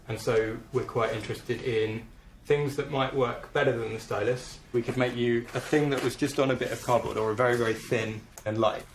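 A man explains an engineering proposal in a plain, practical voice. The room around him is echoey, and faint music can be heard behind. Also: mid-range voice. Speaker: designer and engineer.

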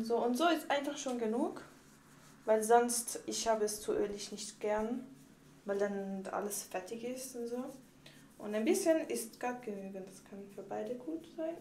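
A young Swiss woman with a mid-range voice and a Swiss German accent gives casual beauty tips in a vlog, chatting loosely and unpolished with lots of fillers like "und so." She films in her small tiled home bathroom, where the sound echoes and a faint hiss runs underneath.

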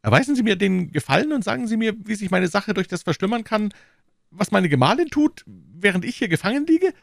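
A frightened prisoner shopkeeper whose voice shoots up high and shrill, jumping wildly as he begs and protests his innocence. The storybook voice sounds close and dry. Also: very animated, brisk, gravelly, no echo, exaggerated voice. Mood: panicked. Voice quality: shrill, pleading.

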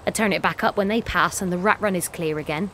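An actress performs an audio play monologue as a bitter, defiant working-class cleaner who calls herself a wolf woman, rambling in an earthy, sweary way with a sly, defiant mood. Her lowish voice is fast, a bit bright and close to everyday speech, with slight background noise.

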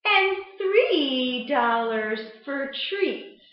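In a high-sitting voice, a children's librarian in her thirties hosts storytime, reading aloud with an expressive, sing-song and deliberate teaching style. She's indoors on a webcam or laptop mic at arm's length, and the sound is roomy and somewhat dull.

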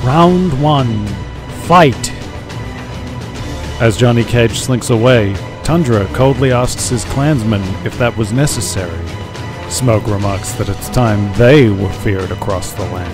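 A man's voice: lowish voice, a little slow. A man giving a scripted, dramatic story narration as a voice-over narrator. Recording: music behind the voice.

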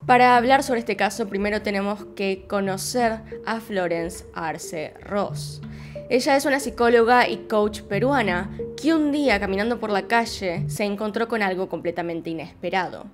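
A young woman with an Argentine accent narrates a true-crime case in a calm, measured way, her voice at a middle pitch. She speaks close to a desk mic in her living room. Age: young adult. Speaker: true-crime vlogger host. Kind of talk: scripted narration. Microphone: studio mic on desk.

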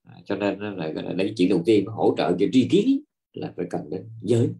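A man's voice: sits low, sing-song, fast talker, dark tone. A man, a Buddhist monk, giving a dharma talk to a class, lecturing with rhetorical questions and repeating filler words as he searches for the next thought.

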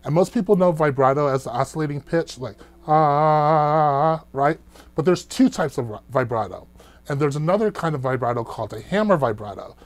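A man working as a vocal coach, reacting to clips and explaining singing techniques in an easygoing teaching manner. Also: mid-range voice. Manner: explanatory, demonstrates vocal techniques with sounds and laughs. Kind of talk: reaction video commentary.

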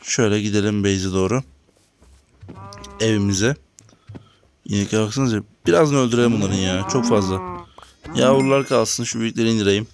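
A man's voice: lowish voice, brisk, long pauses, a crowd in the background. A man giving casual commentary on his own game, talking to viewers and grumbling about lag. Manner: talks to viewers while playing, grumbling at lag. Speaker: gaming channel host. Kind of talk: casual let's-play commentary.

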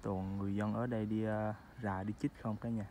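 A man narrating a casual food vlog outdoors by a stream, chatting to his viewers as family with excited exclamations. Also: lowish voice, a little fast, a little hiss or hum. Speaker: food vlogger.

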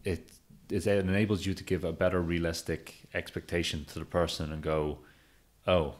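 Deep-voiced male coach telling stories. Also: normal speed. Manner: lively storyteller, acts out quotes. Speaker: handstand coach, podcast co-host. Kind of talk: casual podcast conversation.

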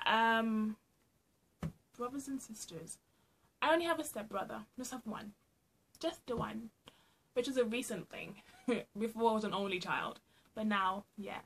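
The recording is low quality, capturing a young Trinidadian-accented woman from Trinidad and Tobago whose voice is a little high. She's a vlogger in a small room at home, playfully answering get-to-know-me questions and laughing often.

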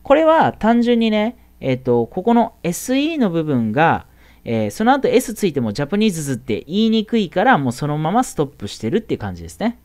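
Low-voiced woman teaching English, lively intonation. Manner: chatty, drawls English example words slowly. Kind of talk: casual lecture to middle schoolers.

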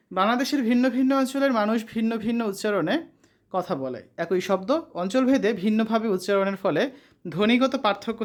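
A tutor from Bangladesh works through exam questions and their answers as a voice-over. The delivery is brisk and steady, at a middling pitch. Each question is read and answered in turn, with no pause for chat. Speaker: online tutor.

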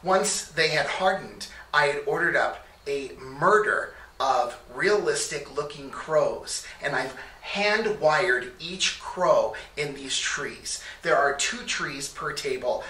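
Slow-talking man host in an echoey room. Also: mid-range voice, pushed and bright. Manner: measured, proud show-and-tell. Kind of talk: home entertaining demonstration. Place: candlelit home dining room.

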